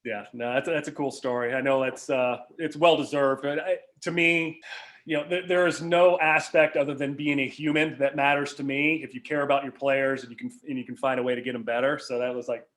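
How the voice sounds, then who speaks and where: A man hosting a podcast, talking in relaxed casual chat with fillers and restarts. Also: mid-range voice, a little fast. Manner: relaxed, rambling, filler-heavy wrap-up. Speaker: podcast host.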